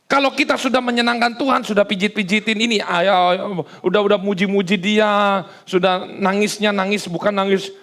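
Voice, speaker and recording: Male pastor, gravelly voice, loose conversational sermon full of jokes. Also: high-pitched, level tone, moderate pace, hardly any pauses, a bit bright. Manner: casual, joking, conversational preaching. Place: church service.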